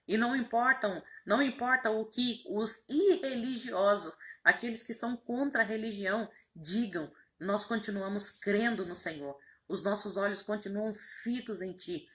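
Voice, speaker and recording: A woman's voice: mid-range voice, sharp tone. A woman, a pastor leading a fervent spoken prayer with repeated invocations and rising emphatic phrases.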